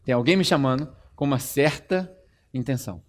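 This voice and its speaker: A preacher voicing Jesus as a calm, insistent male teacher. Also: medium pitch, a little fast, pitched below the performer's own voice, lightly acted. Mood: calm insistence.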